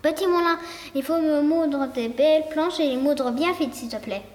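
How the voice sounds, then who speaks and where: A poor, kindly woodcutter from a storybook, as a woman puts him on chants his wishes in a high, sing-song voice. The sound carries a roomy echo and a long reverb tail. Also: moderate pace, darkish tone, natural voice. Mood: cheerful. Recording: echoey room with long reverb.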